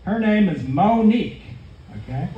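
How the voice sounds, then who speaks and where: A man doing deadpan stand-up storytelling with conversational asides to the crowd, at a comedy venue. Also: high voice, normal speed, narrow, tinny audio. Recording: echoey room, distant mic, faint ambience.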